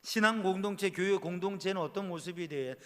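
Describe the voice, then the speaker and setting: Korean pastor preaching in a reverberant hall. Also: male voice, a little fast, fairly bright tone. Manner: asks the congregation rhetorical questions, voice swells on key words then drops low. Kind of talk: sermon. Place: church sanctuary.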